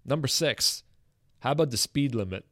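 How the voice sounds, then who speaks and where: Man, Acadian French Canadian accent, casual bilingual host, medium pitch, halting informal delivery, dry sound. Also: lively intonation, a bit bright, dry recording. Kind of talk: casual bilingual interview chat.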